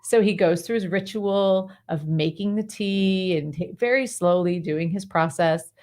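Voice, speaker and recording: Woman, guest coach, interview conversation, slightly low voice, animated, breezy, casual fillers. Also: measured pace. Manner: animated, breezy storyteller using many fillers like "like" and "right". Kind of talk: interview conversation, giving advice.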